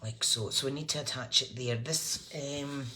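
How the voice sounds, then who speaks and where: A woman's voice: very deep voice, moderate pace, sharp tone. A woman with a broad Scottish accent hosting a casual live craft tutorial, chatting informally and thinking aloud as she works. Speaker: crafting livestream host. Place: indoors at a craft table. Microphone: phone above the desk. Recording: clear background noise, clicks of handling.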